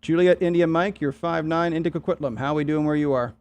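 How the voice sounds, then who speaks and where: A man's voice: fairly high pitch, steady tone, fast talker, very noisy. A man casually running an amateur radio net, taking check-ins with phonetic call signs.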